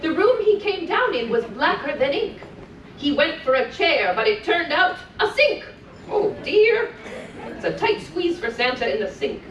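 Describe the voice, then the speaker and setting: In a cruise ship's indoor room, a woman plays a grandmotherly Mrs. Claus for a children's event, telling rhymed stories from a picture book and chatting between verses. Her high, sing-song voice has big pitch swings and a measured pace, sounding cheerful, chatty, and gently encouraging, though the distant mic makes it muffled and echoey with faint noise.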